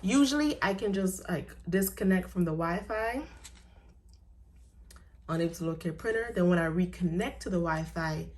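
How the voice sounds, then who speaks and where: A woman's voice: lowish voice, moderate pace, a little mellow. A woman making a casual crafting vlog at home, talking to herself and her viewers as she works. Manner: chatty, talks to herself and viewers while working. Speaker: crafter making custom shirts.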